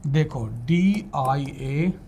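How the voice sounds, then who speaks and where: Guy with doing a spelling class, lots of ok? and clear?, spells words out, a bit of hiss behind. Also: a little high, very slow, dark tone. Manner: explains in Hindi, switches to English for definitions and spells words letter by letter; keeps checking in with the class. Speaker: English teacher for law entrance exams. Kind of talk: classroom lecture with spelling drills.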